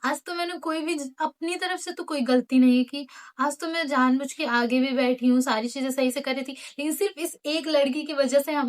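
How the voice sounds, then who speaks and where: Teen girl, high voice, casual storytime vlog, animated, acts out quotes, English phrases mixed in. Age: late teens. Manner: animated, acts out teachers and friends in quoted lines; mixes English phrases into her talk. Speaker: vlogger telling a school story.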